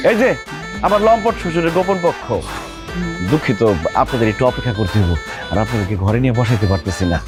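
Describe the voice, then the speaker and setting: A man's voice: medium pitch, expressive, fast talker, over music, lightly acted. A man playing a self-important village son-in-law. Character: bossy young son-in-law, village watchman. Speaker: actor. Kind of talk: village comedy skit acting.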